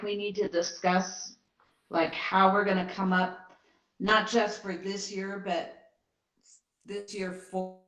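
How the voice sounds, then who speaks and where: A woman council member thinking aloud cautiously in a meeting discussion. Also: mid-range voice. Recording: dull, echoey, distant sound.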